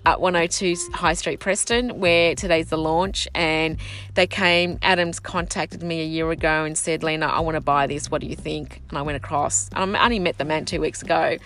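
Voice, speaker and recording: A middle-aged woman, a local councillor whose first language is Sicilian, talks at length in a casual podcast conversation, animated and running on in long stretches. Her low voice moves at normal speed, with a little hiss or hum in the recording.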